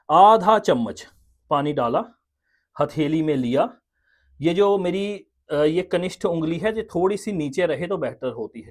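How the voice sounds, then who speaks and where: A man teaching a home ritual step by step on camera, patient and explanatory, often checking in with the listener. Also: fairly high pitch. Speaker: spiritual teacher. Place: indoors, seated on a floor mat at a ritual setup. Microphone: camera in front.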